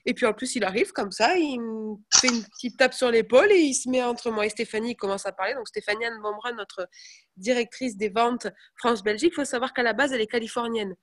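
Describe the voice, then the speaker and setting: A young woman chatting casually to her viewers, telling animated stories. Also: fairly high pitch, fairly quick. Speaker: network marketing presenter. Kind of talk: casual live chat.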